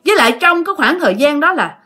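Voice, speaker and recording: Lively Southern Vietnamese woman storyteller. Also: high voice, fast talker. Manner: chatty, addresses listeners directly. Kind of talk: telling a ghost story.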